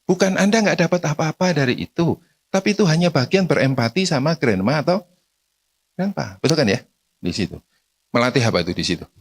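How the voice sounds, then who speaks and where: A man giving a casual seminar talk to parents, conversational, forever tossing tag questions at the audience. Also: a little high. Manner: acts out short everyday dialogues.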